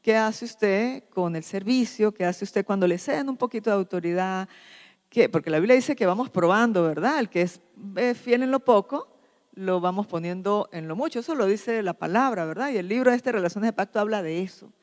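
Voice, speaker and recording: A woman's voice: medium pitch, a little mellow. Woman, pastor, teaching sermon, questions the congregation, echoing church hall. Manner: slow, questioning the congregation with repeated "¿sí?". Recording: long hall reverb.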